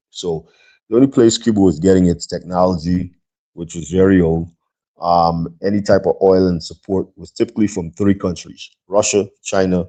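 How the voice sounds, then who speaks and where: A Guyanese podcast host with a low, mellow voice delivers a casual solo monologue. He rambles conversationally, full of fillers and little asides to his viewers.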